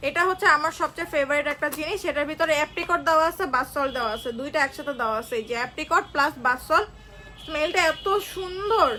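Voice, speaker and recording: A woman from Bangladesh, unwell, selling products on a phone live stream. She talks slowly and chattily, repeating prices and answering viewers. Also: sits high, pushed and bright. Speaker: online shop seller. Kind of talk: live-stream sales pitch.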